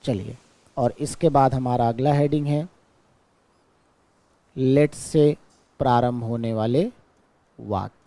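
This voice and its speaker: A male teacher, patiently explaining an exam-prep grammar lesson. He keeps checking in with his class and stretches out his English example sentences very slowly. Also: medium pitch, dark tone, no room sound.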